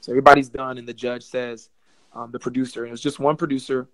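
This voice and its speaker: A man's voice: medium pitch, little pitch movement, fast talker, no room sound. A young man, a gospel singer, talking earnestly on a podcast about faith and sharing his story. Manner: earnest, preachy, addresses listeners as y'all. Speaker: podcast guest, gospel artist. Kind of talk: casual testimony chat.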